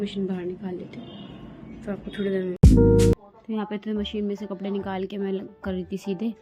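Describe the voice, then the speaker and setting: A young woman vlogging at home about her day, chatty and talking to her toddler in a sing-song voice. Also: medium pitch. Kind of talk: casual home vlog. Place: home rooms, indoors.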